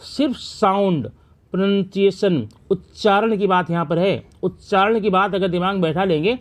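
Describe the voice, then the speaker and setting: A man's voice: sits high, moderate pace. A male teacher explaining a grammar lesson step by step, asking questions and answering them himself.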